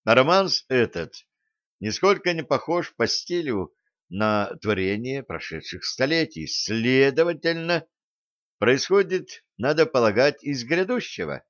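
A man voicing a reserved young lieutenant who speaks in a quiet, measured, formal way, on a dry, slightly dull recording. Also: mid-range voice, very animated, dry recording. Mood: earnest. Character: young earnest male lieutenant, reserved and thoughtful.

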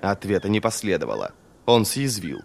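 A man narrating an audiobook in a measured, expressive reading. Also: lowish voice, gravelly. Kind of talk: scripted narration.

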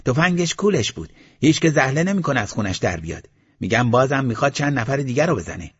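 Brief: narrator doing a mocking young cook, raised and husky, taunting, spiteful. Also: male voice, medium pitch, very animated, fairly bright tone, voice pushed up. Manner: taunting, needling. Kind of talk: audiobook character voice. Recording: slightly muffled recording.

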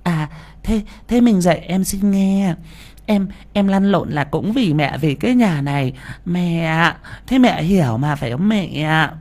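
A man voicing a shrill, greedy, scolding wife in an audiobook story. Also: expressive, a little slow. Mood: sweet-talking. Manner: shrill, sharp, nagging. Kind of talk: audiobook character voice.

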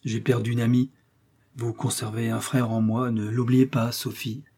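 A man voicing an earnest, sorrowful young man in a classic novel read aloud, speaking in a grave and measured way. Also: mid-range voice, flat delivery, warm tone, natural voice. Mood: sad. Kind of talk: audiobook character reading.

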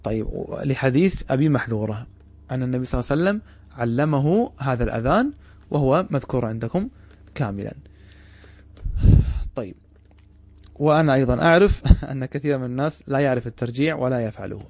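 Fast-talking male religious teacher. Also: mid-range voice, expressive, darkish tone. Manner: quizzes listeners with quick questions and answers them himself. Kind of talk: classroom lecture.

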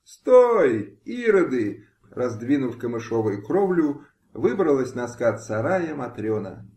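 A man reading a historical audiobook aloud with expressive, dramatic delivery. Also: medium pitch, a little slow. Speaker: audiobook reader. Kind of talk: amateur audiobook narration. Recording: roomy home recording.

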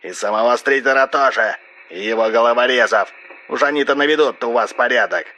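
A man's voice: mid-range voice, fairly quick, pushed and bright, pitched above the performer's own voice, poor audio. A man reading an audiobook, voicing a ruthless male corporation boss who barks orders. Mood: domineering. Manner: barking, domineering.

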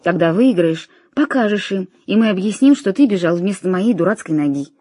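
A woman voicing a nervous, excitable young man who talks in a hushed, urgent way. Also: mid-range voice, a little fast, no room sound, studio quality, lightly acted.

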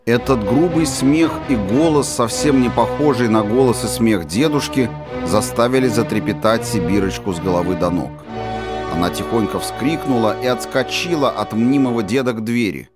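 Expressive male audiobook narrator. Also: mid-range voice, moderate pace, loud music behind the voice. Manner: expressive, acting out the story's tension. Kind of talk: scripted narration.

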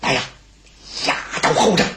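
A man's voice: moderate pace, roomy sound, noisy background, natural voice. A male storyteller voicing a blustering, angry older enemy marshal who bellows indignantly. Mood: stern.

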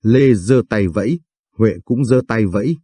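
Dark, husky-voiced male storyteller. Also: lowish voice, a little slow, no echo, studio quality. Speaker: narrator. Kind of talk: scripted story narration.

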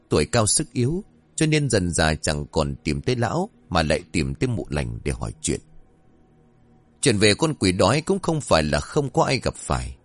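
A man narrating a scripted horror-comedy folk story in a dramatic, expressive manner. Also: low-pitched, no room sound.

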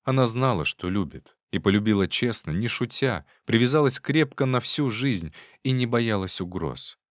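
Measured male audiobook narrator. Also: medium pitch, lively intonation, no room sound, clean studio sound. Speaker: audiobook reader. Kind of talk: scripted narration.

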